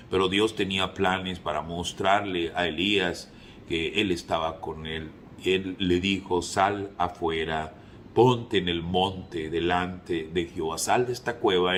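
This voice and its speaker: A man preaching a sermon, fervent, moving between hushed passages and emphatic peaks. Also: low-pitched, slight background noise.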